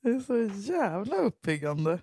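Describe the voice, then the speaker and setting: Animated, swearing man in casual chat. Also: high-pitched, creaky, dry recording, clean studio sound. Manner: animated, swears freely, often quotes others in a raised voice. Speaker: podcast co-host.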